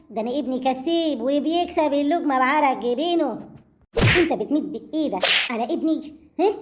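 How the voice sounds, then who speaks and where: A woman's voice: high voice, a little mellow, natural voice. A woman voicing a fierce older village mother who scolds and insults a man over her son.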